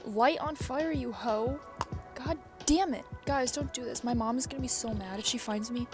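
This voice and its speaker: A young woman talks fast and blunt into a phone in a windy backyard, swearing and getting excited. Her voice sits a little high, with faint music underneath. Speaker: vlogger. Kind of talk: casual chat to camera. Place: sunny, windy backyard outdoors. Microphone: phone held by hand.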